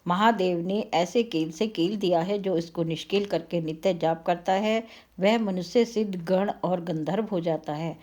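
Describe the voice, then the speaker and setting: In a lowish voice with a darkish tone, a woman recites devotional scripture, slow, solemn and invocatory, with repeated refrains and the occasional self-correction.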